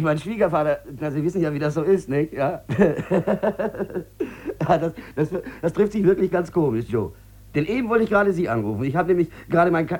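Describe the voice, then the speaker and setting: A desperate broke gambler, feverish and stammering as he pleads on the phone. His husky voice sits fairly high and swings widely up and down. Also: a little mellow. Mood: nervous, ingratiating. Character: desperate broke male gambler, sick and in debt. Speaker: lead character in a radio drama. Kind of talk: 1950s radio play acting.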